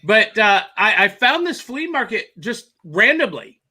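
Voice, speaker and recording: A man co-hosting a casual video-call chat talks eagerly and rambles while showing off things he found. His voice sits high with big pitch swings, and it's bright, forceful, slightly rough, and a little slow.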